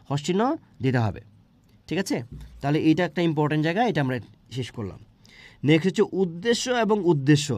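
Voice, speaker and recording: A man's voice: on the high side, darkish tone, no echo. A man teaching a spelling lesson for exam preparation, asking his students questions and answering them himself.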